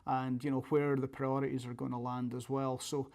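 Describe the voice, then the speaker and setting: Male coach, thick Scottish accent, medium pitch, level intonation, informal interview delivery. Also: flat delivery, normal speed, darkish tone. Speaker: college soccer coach.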